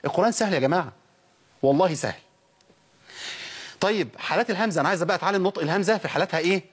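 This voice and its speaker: An Egyptian-accented man lectures on Quran recitation at a quick clip, putting questions to the class and answering them himself. His voice sits a bit high and has a husky edge. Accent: Egyptian Arabic.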